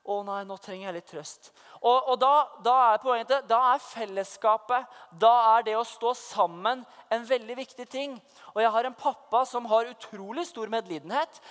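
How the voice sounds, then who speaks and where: A young man giving a sermon testimony as a youth leader, fervent, moving from hushed asides to loud proclamations. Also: extremely high pitch. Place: church hall. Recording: long reverb of a church hall.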